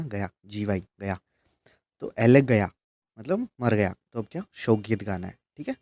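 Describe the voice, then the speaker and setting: A man's voice: on the low side, darkish tone, no echo. A man teaching English vocabulary for exams in a casual, chatty way, often checking in with his listeners. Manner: chatty, keeps checking in with "ठीक है?". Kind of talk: casual exam-prep lesson in Hindi.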